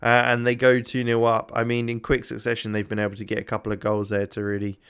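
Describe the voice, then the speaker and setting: Talking fast in a completely flat, medium-pitched voice that's a bit bright and clean, this man narrates his own gameplay as a YouTuber. He's worn out and yawning, rambling through a casual let's-play while musing aloud with frequent ums.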